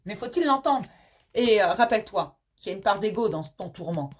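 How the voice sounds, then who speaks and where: A woman's voice: medium pitch, lively intonation, fairly quick. A woman medium giving a casual tarot reading, reassuring and chatty, addressing the listener affectionately. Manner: reassuring, calls the listener "mon petit chéri"; chatty, with frequent fillers and repeats.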